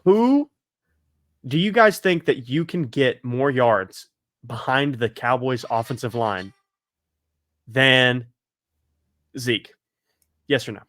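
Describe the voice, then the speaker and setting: A man hosting a casual sports podcast, joking and excitable, rattling off long lists. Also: medium pitch, slow, long pauses, no echo, studio quality. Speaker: podcast host.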